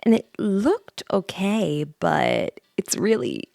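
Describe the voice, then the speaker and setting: A VTuber woman with a lowish, sing-song voice murmurs through an ASMR livestream, drifting between hushed talk and breathy whispering. She hesitates and repeats herself, speaking right into a close studio microphone that catches mouth sounds, with no echo.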